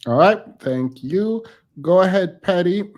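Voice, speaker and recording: A man with a somewhat high voice hosts a casual panel over a video call. He is laid-back and joking, and his thoughts ramble as he goes. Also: lively intonation, measured pace, a little mellow. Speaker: host.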